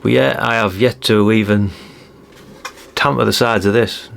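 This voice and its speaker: The host of a radio hobby channel, a British man, talks a little slowly in a lowish, creaky voice with fairly even intonation. He chats and rambles through a casual hands-on video showcase, using lots of tag questions.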